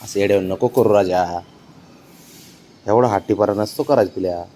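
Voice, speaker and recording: A man talking casually to his cat outdoors near a street, pleading with it over and over and gently scolding it. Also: on the low side, normal speed. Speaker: cat owner filming his pet. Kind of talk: casual coaxing talk to a pet. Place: outdoors below a residential building, street nearby.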